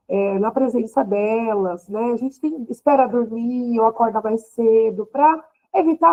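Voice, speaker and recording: A woman's voice: high-pitched, darkish tone. A woman in her thirties giving an emotional church testimony to a women's group, often adding "né?". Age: 30s. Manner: emotional, repeats "né?" often, voice rising in quoted speech. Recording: slightly dull lo-fi recording.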